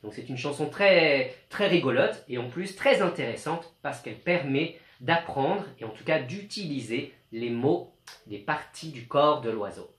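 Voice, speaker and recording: A male teacher giving a slow, clear home lesson to young children, speaking patiently. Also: a little high, expressive, fairly bright tone, roomy sound, slight background noise.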